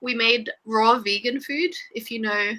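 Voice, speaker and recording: Bright-voiced young Australian woman. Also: on the high side, a little slow. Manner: chatty, laughs often, many fillers. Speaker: English tutor. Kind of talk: casual online lesson chat. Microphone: video call.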